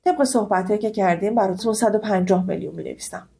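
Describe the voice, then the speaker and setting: A woman's voice: mid-range voice, creaky, mellow, soft background music, close to an everyday voice. A woman voicing a stern male professor. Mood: serious. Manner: serious and businesslike.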